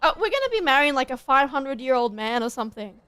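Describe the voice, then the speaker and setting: A young woman streaming a fantasy game, excitable, swearing and laughing as she comments. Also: high voice, fast talker, clear, resonant tone, no echo. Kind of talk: gameplay commentary.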